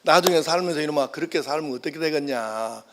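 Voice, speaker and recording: Pastor doing a gruff scolding father. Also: on the high side, fast talker, slight background noise, lightly acted. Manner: gruff, lecturing. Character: stern older father scolding his son.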